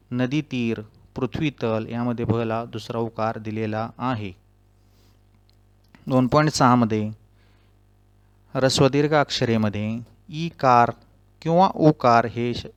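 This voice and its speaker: A man teaches grammar at a slow, deliberate pace, reading out each rule and then spelling its example words. His voice is smooth and clear, and his pitch sits in the middle. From Maharashtra. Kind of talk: Marathi grammar lesson.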